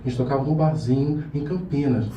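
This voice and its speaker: A man who is a pianist, telling a story to a live audience in an animated, laughing way and acting out the voices he quotes. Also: medium pitch, a little fast, highs cut off, background noise. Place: room with a small audience. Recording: echoey room, mic at a distance.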